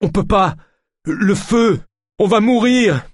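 A man acting out a terrified young man in an audiobook, his voice jumping high and wild as he cries out in panic. His frantic, stammering cries come through a husky, dry, close recording. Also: sing-song, slow, no room sound, heavily acted. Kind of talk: audiobook character voice.

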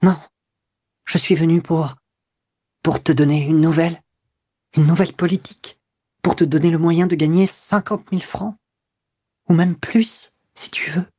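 A man voicing a tearful middle-aged woman who pleads with her lover in an audiobook, raising his voice higher and louder as she grows more desperate. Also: normal speed, husky, no echo, clean studio sound. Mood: shaken. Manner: imploring, wounded.

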